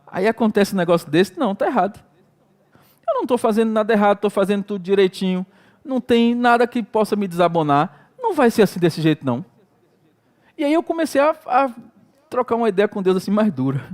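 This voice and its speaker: A pastor with a Brazilian Portuguese accent preaching in a conversational way. He tells personal stories and acts out his own prayers and outbursts with animated delivery. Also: sits high, brisk. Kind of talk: sermon with personal storytelling.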